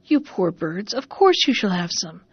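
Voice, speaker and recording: A woman's voice: medium pitch, very animated, measured pace, breathy edge, no echo. A woman voicing a polite, kind young maiden who speaks reassuringly, in a storybook reading. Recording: dull, dry recording.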